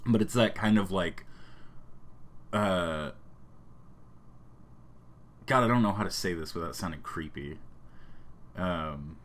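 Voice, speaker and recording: A man's voice: deep voice, slow, long pauses, a bit bright. A man co-hosting a podcast, rambling casually with lots of fillers and trailing off. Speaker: podcast co-host. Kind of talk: casual chat.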